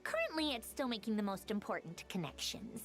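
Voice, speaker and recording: A woman's voice: a little high, very animated, fairly quick, faint music behind. A woman voicing a haughty, impatient young female inventor with a smug, exasperated drawl in an anime video game.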